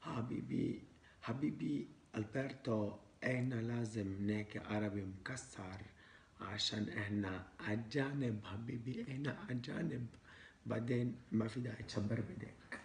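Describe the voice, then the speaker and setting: A man's voice: fairly low pitch, normal speed, vocal fry, a little mellow. A man playing a bossy foreign mafia boss in a comedy sketch, speaking broken Arabic with an English accent. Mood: patronizing. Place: living room, indoors. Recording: echoey living room, faint hiss.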